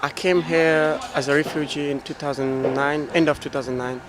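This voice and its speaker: A man's voice: fairly high pitch, little pitch movement, moderate pace, music in the background. Hesitant young man from Afghanistan. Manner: hesitant, simple phrasing. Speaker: young cricket player, former refugee.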